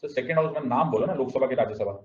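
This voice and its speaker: A man lecturing a class at a middle pitch, drilling the key phrases and checking again and again that everyone follows. He drops in playful asides between points. The recording sounds dull and lo-fi. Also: rapid-fire. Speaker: teacher.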